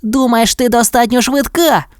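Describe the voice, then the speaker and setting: A woman's voice: on the high side, normal speed, dry recording, clean studio sound, pitched above the performer's own voice, close to an everyday voice. A woman voicing a cocky young boy dalmatian puppy in a storybook reading, with a teasing manner. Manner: teasing, doubtful.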